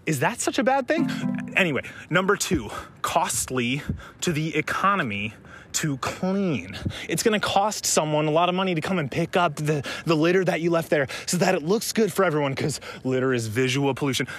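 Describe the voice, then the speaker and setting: Running along a riverside outdoors, a young man records a vlog monologue, a little out of breath as he rambles, swears, and provocatively argues a contrary point. His voice is a little high and fairly bright.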